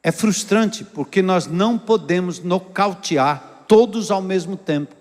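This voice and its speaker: High-voiced Brazilian pastor preaching in a reverberant hall. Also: male voice, measured pace. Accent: Brazilian Portuguese. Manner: expressive preaching with sharp pitch swings, rhetorical questions. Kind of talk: sermon. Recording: long reverb of a church hall.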